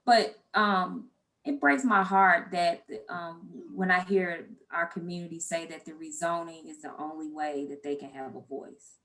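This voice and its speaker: A woman's voice: on the low side, a little slow, a bit bright. An American woman, a city planning official, speaking earnestly in a virtual public meeting.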